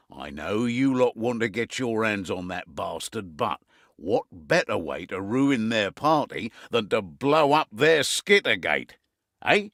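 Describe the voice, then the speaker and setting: In a video game briefing, a gruff middle-aged British innkeeper who leads a resistance from hiding speaks with lively, pitch-varied delivery, wry asides, and a weary edge. The performance is heavily acted and recorded very dry and close.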